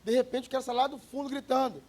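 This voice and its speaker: A man's voice: extremely high pitch, steady tone, fast talker. A male pastor giving a conversational sermon, telling stories and joking with the congregation.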